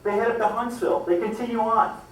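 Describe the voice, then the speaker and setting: Speaking quickly with fairly even intonation, a storyteller gives a talk about history to a live audience, dramatically acting out characters as his pitch and volume climb. The audio is echoey and distant-miked, with faint ambience and slight background noise.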